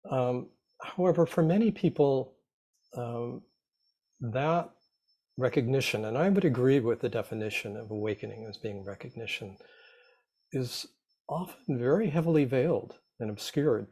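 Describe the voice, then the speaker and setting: Man, psychotherapist and teacher, mid pitch, measured and careful. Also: a little mellow. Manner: measured, clears throat, careful qualifications. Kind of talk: roundtable discussion.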